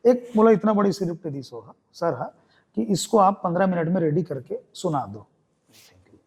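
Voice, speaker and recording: A man's voice: high voice, big pitch swings, normal speed, darkish tone, husky. A young man from Chhattisgarh with a Chhattisgarhi Hindi accent, a theatre artist telling his story in a podcast interview and acting out the voices of the people in it.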